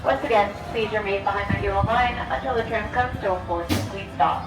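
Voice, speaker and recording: A woman's voice: mid-range voice, fast talker, over music. A woman giving firm safety instructions to waiting passengers as a public transit announcement. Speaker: tram attendant making safety announcements. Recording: distant, echoing announcement.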